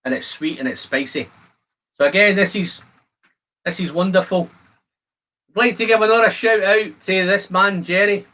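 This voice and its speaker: A high, sharp-toned voice belongs to a Scottish man in his fifties who hosts a live stream. He speaks at normal speed with frequent pauses, chatting casually and naming viewers as he goes.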